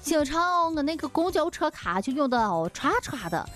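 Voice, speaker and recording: A woman's voice: high voice, very animated, normal speed, fairly bright tone, faint music behind. A woman telling a comic story in a chatty way, full of exclamations and dialect words.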